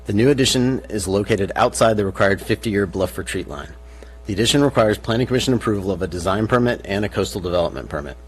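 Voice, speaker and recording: A man's voice: fairly low pitch, animated, fast, breathy edge. A man presenting as city planning staff, formally and methodically reading through technical details. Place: public meeting room. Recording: faint hiss and hum.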